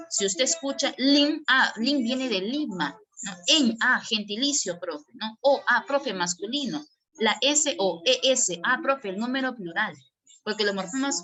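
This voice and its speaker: A woman's voice: fairly high pitch, bright, forceful tone. A woman giving an online language lesson as a teacher, asking and answering her own questions as she explains.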